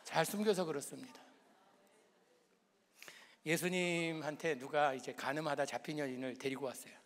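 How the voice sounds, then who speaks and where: A male pastor preaching in a slightly high voice, which trails off in the long reverb of a church sanctuary. He talks to the congregation in a conversational way. He uses rhetorical questions and touches of humor. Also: normal speed. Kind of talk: sermon.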